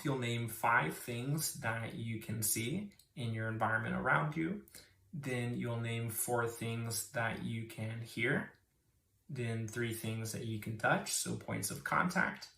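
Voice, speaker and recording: A man in his thirties with a mid-pitched, gravelly edge calmly talks listeners through a grounding exercise. His delivery is measured and instructional. The sound is roomy, picked up a little way from the mic. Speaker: mental health therapist presenting. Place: small indoor room. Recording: roomy, slightly distant mic, creaky-voiced.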